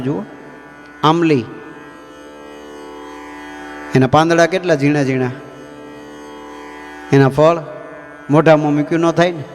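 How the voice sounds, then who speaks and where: A man, a swami giving a folksy storytelling sermon with asides to his listeners. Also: on the high side. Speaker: swami preacher. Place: temple hall. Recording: long temple-hall reverb, faint music.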